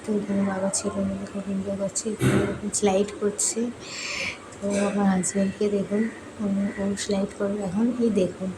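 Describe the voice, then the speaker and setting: A young woman from West Bengal narrating a cheerful, chatty family vlog for her viewers, her voice a little hoarse from swimming. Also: mid-range voice, flat delivery, fairly quick. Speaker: vlogger. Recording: noisy outdoor ambience.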